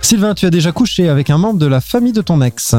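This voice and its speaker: A man's voice: sits high, expressive, fast, mellow, faint music behind. A man hosting a casual podcast, firing quiz questions at his co-hosts and laughing often.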